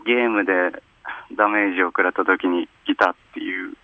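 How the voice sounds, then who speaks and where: A man's voice: sits low, steady tone, brisk, dry recording, phone-quality sound. A man calling in to a radio show, giving short polite answers. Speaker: caller.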